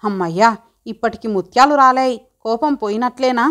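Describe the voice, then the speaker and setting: Brief: a woman reading a playful young man courting his sweetheart, teasing and flowery, a little high. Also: brisk, a bit bright, lightly acted. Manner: teasing, flowery romantic talk. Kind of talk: audiobook character reading.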